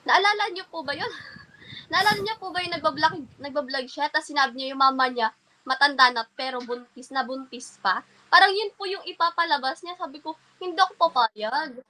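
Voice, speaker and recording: A woman's voice: high-pitched, a little fast, sharp tone, rough recording. A woman being interviewed, telling her story politely and hesitantly, with many restarts and fillers. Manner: polite and hesitant, keeps addressing the interviewer respectfully. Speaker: interview guest.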